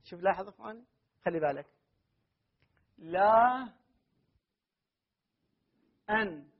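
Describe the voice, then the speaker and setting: A man's voice: very high voice, expressive, brisk. A man with an Iraqi accent giving a classroom grammar lecture as a seminary teacher, often putting questions to his students and then answering them himself. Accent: Iraqi Arabic. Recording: muffled lo-fi recording.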